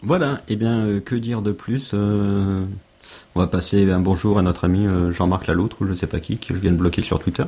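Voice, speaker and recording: A young man co-hosting a podcast, with a very low and husky voice. He rambles and jokes through loose chat, filling gaps with hesitations. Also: steady tone, normal speed, dark tone. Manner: rambling, joking, many fillers. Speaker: podcast co-host. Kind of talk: casual chat.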